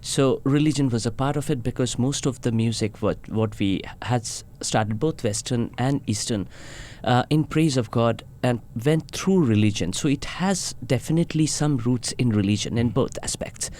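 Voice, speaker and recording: A man from India, a sitar player, talking in a radio interview in a measured, hesitant way with many fillers. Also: mid-range voice, a little mellow. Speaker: sitar player, guest musician. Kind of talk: casual interview talk.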